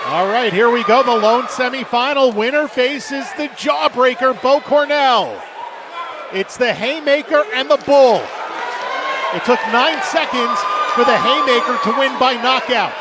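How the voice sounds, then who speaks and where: A man calling a fight play-by-play in a raised, excited, shouting voice. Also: very high voice, a little slow, a crowd in the background, noisy background. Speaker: play-by-play commentator.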